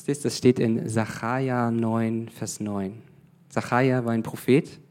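A man's voice: mid-range voice, level tone, slow pace, a little mellow. Casual, hesitant male preacher. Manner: conversational, mixes in English phrases; hesitant fillers, restarts. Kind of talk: informal sermon.

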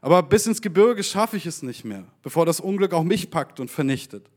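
A man's voice: fairly high pitch, animated, a little fast, pitched above the performer's own voice. A man voicing an anxious grown man who pleads earnestly, read aloud in a sermon. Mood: begging.

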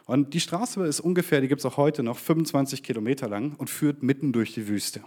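A man with a darkish tone preaches a sermon, putting rhetorical questions to his congregation. When he reads the scripture passage, his voice turns slower and lower.

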